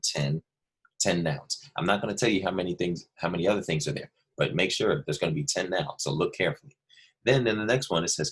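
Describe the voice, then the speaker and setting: A husky voice that sits low comes from a male second grade teacher. He's running a remote lesson, patiently working through a worksheet with young students, explaining each step and reinforcing key ideas by repetition.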